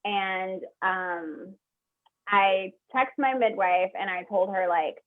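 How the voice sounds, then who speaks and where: A woman's voice: mid-range voice, slow. Young woman telling her story, tinny line. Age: young adult. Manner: animated, heavy use of "like", quotes others. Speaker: guest. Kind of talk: personal storytelling in an interview. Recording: tinny phone-like call audio.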